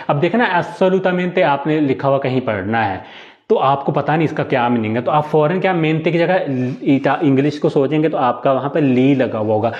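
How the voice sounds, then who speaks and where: A man teaches Italian in a live online class, working step by step, asking and answering his own questions, and mixing Hindi-Urdu with English and Italian words. His mid-range voice has a darkish tone, and the audio is dull.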